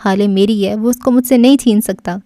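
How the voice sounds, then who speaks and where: A woman voicing a fragile, volatile young man who is crying, pleading and shouting in despair. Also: mid-range voice, fairly even intonation, no echo, clean studio sound, natural voice. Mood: screaming rage. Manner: sobbing, pleading, frantic.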